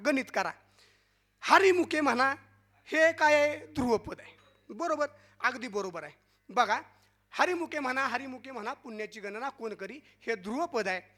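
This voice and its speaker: High-pitched guy leading a kirtan, keeps quizzing the crowd back and forth, playful. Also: bright, forceful tone. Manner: quizzes the crowd, call and response; playful teasing with the audience. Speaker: kirtan preacher. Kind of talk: devotional kirtan discourse.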